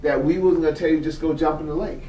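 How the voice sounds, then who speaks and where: A man's voice: on the high side, steady tone, fast, far from the mic, noisy background. Fifties male reverend interviewer, probing, heard off-mic in a roomy space. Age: 50s. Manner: probing, repeats his questions. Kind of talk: conversational interview.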